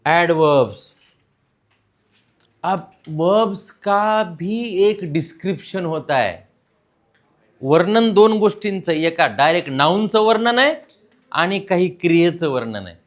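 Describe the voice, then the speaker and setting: A man's voice: high-pitched, lively intonation, slow, pauses often. A man with a Marathi accent teaching English grammar to a class, mixing in English words and quizzing his students. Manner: mixes in English words, asks the class questions. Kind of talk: classroom lesson.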